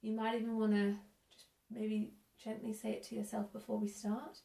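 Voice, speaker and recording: A woman teaching a music lesson for young children, counting in and praising warmly. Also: mid-range voice, little pitch movement, normal speed, vocal fry. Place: room at home. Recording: echoey room, a bit distant.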